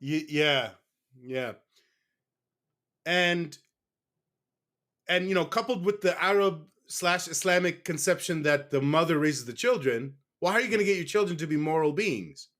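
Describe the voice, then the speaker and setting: A man's voice: a little high, expressive, a little slow, long pauses, a bit bright. A man from the United States speaking in a casual interview as a guest, candid and rambling, often stopping to correct himself.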